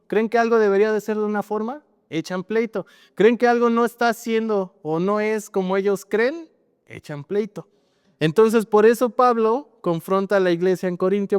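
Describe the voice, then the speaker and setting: A man's voice: high-pitched, darkish tone, clear, resonant tone, dry recording, studio quality, in a large hall. A man with a Mexican accent preaching a sermon as pastor, in a conversational style that keeps adding tag questions.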